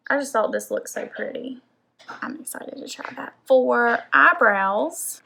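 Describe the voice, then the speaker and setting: Girl rambling through a makeup haul, lots of fry, bit of hiss behind her. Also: fairly high pitch, sharp tone. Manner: chatty, rambling, says "like" often. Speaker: beauty vlogger. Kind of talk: casual makeup haul chat.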